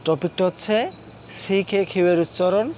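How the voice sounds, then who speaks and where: A man teaching English pronunciation, drilling example words over and over in a steady repeated rhythm. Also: high voice, normal speed, a little hiss or hum. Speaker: English teacher and course founder. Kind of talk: spoken English pronunciation lesson.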